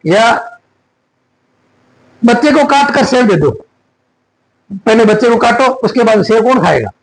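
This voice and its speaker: A man teaching an exam-prep grammar lesson, slowly repeating and dictating words for students to write. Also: very high voice, expressive, creaky, poor audio.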